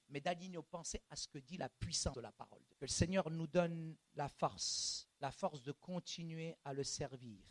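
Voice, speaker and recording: Animated high-voiced male preacher. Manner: animated, swings from hushed to shouting; colloquial street slang. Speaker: pastor. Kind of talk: sermon. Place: church.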